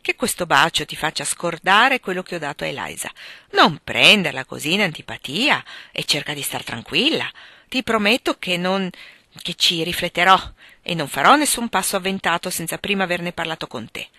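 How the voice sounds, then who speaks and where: A woman reading an earnest young gentleman. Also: on the low side, big pitch swings, moderate pace, no room sound, exaggerated voice. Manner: earnest, slightly impatient. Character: impulsive young gentleman, the male narrator.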